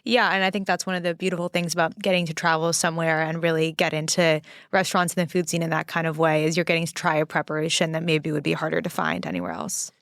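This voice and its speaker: A woman co-hosting a podcast, relaxed and fluent, often saying "like" and "kind of". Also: low-pitched, quick pace, hardly any pauses, no room sound, clean studio sound. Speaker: podcast co-host. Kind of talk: casual chat. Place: New York studio.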